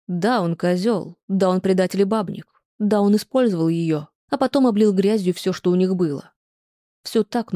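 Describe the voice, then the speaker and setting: An audiobook reader narrating a romance novel in a measured, even way. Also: mid-range voice, dry recording, clean studio sound.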